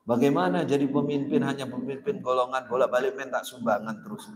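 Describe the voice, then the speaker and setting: A man's voice: mid-range voice, steady tone, brisk. A man preaching a sermon, telling stories with emphatic, sharply rising stresses on key words. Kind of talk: sermon with storytelling. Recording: echoey hall with long reverb.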